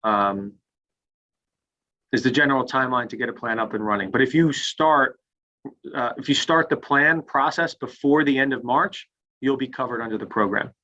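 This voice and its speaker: A man's voice: medium pitch, normal speed, bright, forceful tone, highs cut off. A man presenting a webinar and answering questions step by step, heard as screen-recorded online call audio. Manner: plain, step-by-step, starts sentences with "so". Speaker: webinar presenter on retirement plans. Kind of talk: explaining and answering audience questions.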